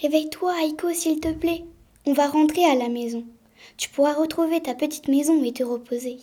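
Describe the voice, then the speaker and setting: A woman's voice: sits high, a little fast, mellow, lightly acted. A woman voicing a brave, caring ten-year-old girl in a storybook reading. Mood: tender.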